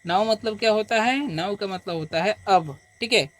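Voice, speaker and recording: A man teaching beginner English, explaining slowly and patiently and answering his own questions again and again. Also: high voice. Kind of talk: beginner language lesson.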